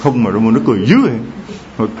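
Preaching at an even, moderate pace, this middle-aged man keeps his church sermon animated through storytelling and direct questions to the congregation. His voice sits in the middle of the male range, captured in dull, low-fidelity sound with faint ambience.

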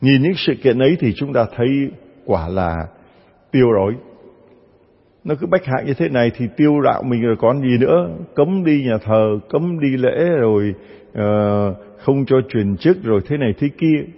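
Priest giving a sermon, raspy voice, acts out other voices, reverberant lo-fi church recording. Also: male voice, mid-range voice, lively intonation, normal speed. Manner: storytelling, acts out parishioners' voices. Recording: dull sound with long church reverb.

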